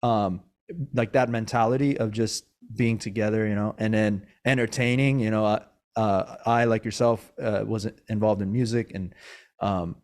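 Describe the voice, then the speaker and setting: The host's voice is fairly low and steady, a little mellow, moving at a moderate pace. He was born in Iran, grew up in Maryland, and now interviews a podcast guest in Sacramento, California, rambling with frequent fillers and restarts.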